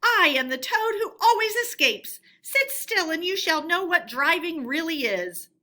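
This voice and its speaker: A woman's voice: very high-pitched, expressive, a little slow, bright, forceful tone, voice pushed up, exaggerated voice. A woman voicing a conceited, reckless male toad in a storybook, with a theatrical manner that shifts between wheedling and boasting. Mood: indignant, boastful.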